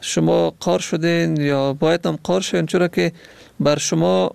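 A man hosting a radio phone-in, calmly explaining and soothing a caller. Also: on the high side, vocal fry, smooth, dry recording. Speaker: radio host.

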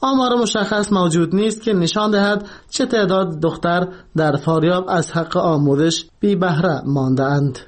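A man's voice: high-pitched, hardly any pauses. A man with an Afghan accent reading a scripted news report as a radio reporter.

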